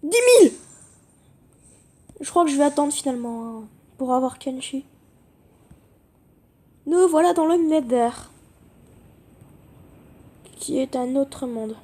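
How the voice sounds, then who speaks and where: A woman giving casual, excitable gameplay commentary, chatting with her viewers and swearing casually. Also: high-pitched, measured pace, long pauses. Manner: talks directly to viewers. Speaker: gaming video creator.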